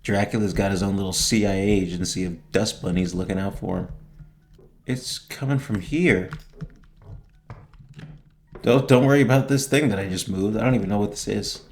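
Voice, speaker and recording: A young man giving casual, slangy gameplay commentary, joking and reacting out loud as he plays. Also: on the low side, fairly even intonation, moderate pace, long pauses, faint music behind. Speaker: gaming streamer.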